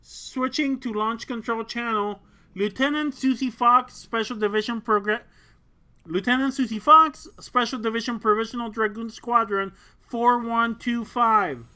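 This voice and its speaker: A reader voicing a confident young woman lieutenant who speaks in a crisp, assured command tone, in an audiobook of a mecha story. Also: on the high side, unhurried, pushed and bright, voice pushed up. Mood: formal.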